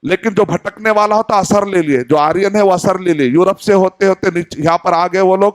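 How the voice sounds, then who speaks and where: A man's voice: high voice, no echo. A man in his forties from Hyderabad, India, giving a sermon in an earnest teaching tone, posing questions and acting out short dialogues. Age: 40s. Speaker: Islamic preacher.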